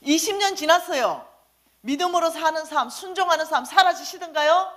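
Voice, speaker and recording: High, lively woman preaching a testimony. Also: moderate pace. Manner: questions the audience directly, urging answers. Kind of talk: sermon testimony to a congregation.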